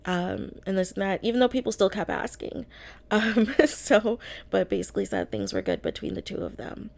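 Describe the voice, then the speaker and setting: A woman hosting a casual YouTube reaction recap, sounding slightly sick and pausing often on drawn-out ums as she talks to viewers. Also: mid-range voice, wildly swooping pitch, gravelly, darkish tone. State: slightly under the weather, getting over an illness.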